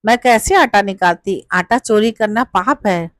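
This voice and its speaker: A gentle, devout young daughter from a spoken folk tale, as a woman storyteller voices her, pleading in a soft, earnest voice. Her voice sits at a middling pitch, and the recording is close and dry. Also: unhurried, no echo, lightly acted.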